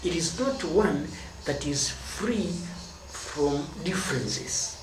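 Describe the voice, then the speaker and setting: A Kenyan man speaks slowly in a higher voice with lively intonation, delivering a teaching monologue on marriage. He accents key words and stretches them, and the sound is noisy and distant with room echo.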